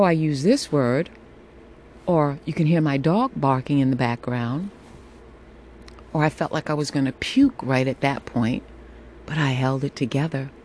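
A woman with a sultry, mellow voice talks slowly and reassuringly, as if checking in on her podcast listeners. She repeats phrases for emphasis, and a faint air-conditioner noise sits behind her as she records on a phone in a room at home. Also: low voice. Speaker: podcast host. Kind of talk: casual solo podcast monologue, encouraging check-in.

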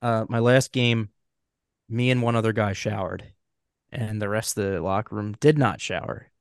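A man's voice: fairly low pitch, steady tone, moderate pace, clear, resonant tone, no echo, studio quality. A man in his thirties co-hosting a podcast in casual chat, rambling and joking, often correcting himself mid-sentence. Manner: rambling, jokey, self-correcting. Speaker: podcast co-host.

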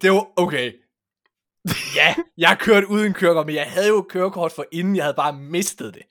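A man's voice: high-pitched, a bit bright. A man hosting a podcast, telling rambling anecdotes in casual chat with informal, sweary language. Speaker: podcast host.

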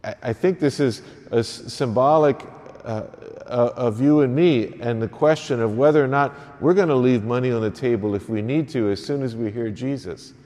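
A priest at a church Mass, speaking at a middle, ordinary pitch. His earnest, plain preaching carries a long cathedral echo that rings around the church after each phrase. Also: normal speed, mellow. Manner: earnest, plain-spoken preaching with easy repeats. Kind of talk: gospel reading and homily at Mass. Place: church during an early morning Mass. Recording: long echoing church reverb.

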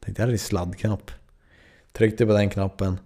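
A man's voice: lowish voice, little pitch movement, dark tone. A man in his twenties from Sweden, a podcast host telling a story in a loose, rambling way, full of fillers and swearing. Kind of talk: casual storytelling.

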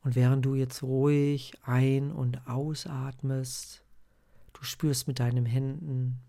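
A man with a mid-range voice leads a guided meditation like a sleep-story narrator. He takes his time, speaking slowly and calmly. His instructions are personal and gentle in manner, addressed to one listener. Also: medium pitch, vocal fry. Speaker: podcast host guiding meditation.

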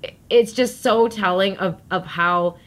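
A woman's voice: medium pitch, a little slow, fairly bright tone. A woman co-hosting a casual podcast chat, talking in a heated way. She swears freely and drops "like" into almost every sentence. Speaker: podcast co-host.

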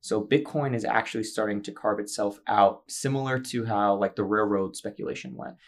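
A man's voice: fairly low pitch, a little fast. A man on a casual podcast, explaining eagerly with frequent fillers.

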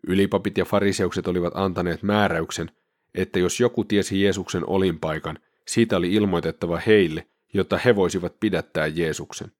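Man, very deep voice, solemn scripture reading, measured, dry close recording. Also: dry recording. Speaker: scripture reader.

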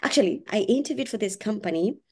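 Laughing woman software engineer. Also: medium pitch, fast talker, husky. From Kenya. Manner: animated, laughs often. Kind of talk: casual interview chat.

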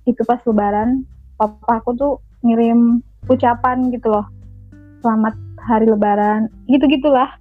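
A woman with a fairly high voice recounts her story in casual chat, slightly upset and quoting the other people. She comes through a tinny, phone-like line, with faint guitar music under her. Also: steady tone, moderate pace, long pauses, no echo. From lives in Manado, not originally from there. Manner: chatty, aggrieved storytelling with quoted dialogue. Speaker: caller sharing her story.

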